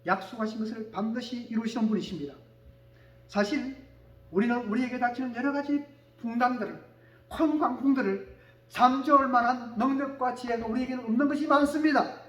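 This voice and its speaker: A male pastor delivers a sermon in a very high voice, dropping to quiet asides and then rising to shouted declarations. He keeps calling for amens from the congregation. The sound rings around an echoey church sanctuary. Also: a little fast. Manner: calls for amen from the congregation.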